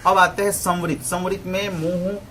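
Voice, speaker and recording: A man giving a pronunciation lesson, demonstrating vowel sounds slowly and often checking in with his listeners. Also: high-pitched, level tone, a bit bright, slight background noise. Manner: digresses into opinionated asides. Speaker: Hindi pronunciation teacher. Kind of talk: lecture explaining vowel articulation.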